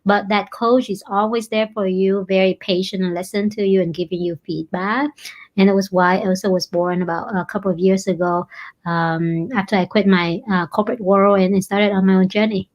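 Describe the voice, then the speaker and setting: A woman's voice: medium pitch, fairly even intonation, moderate pace, darkish tone, highs cut off. A woman from Vietnam with a Vietnamese accent, a company founder speaking as an interview guest, earnest and often repeating words as she searches for them.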